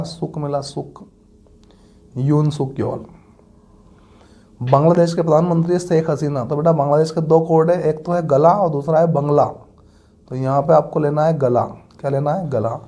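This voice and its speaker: Man, exam-prep teacher, homely, mellow dark voice, somewhat high. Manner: homely, addresses students as beta and bhaiya. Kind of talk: exam-prep mnemonic lesson.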